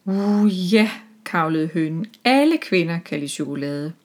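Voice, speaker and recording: A woman's voice: lowish voice, expressive, lightly acted. A woman voicing a clucking, chatty hen in a children's story.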